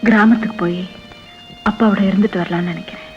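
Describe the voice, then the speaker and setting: A woman's voice: medium pitch, steady tone, fast talker, lo-fi sound, faint music behind, natural voice. An actress playing a troubled young woman asking her boss for leave, in a 1970s film scene. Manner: subdued, brooding. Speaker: employee.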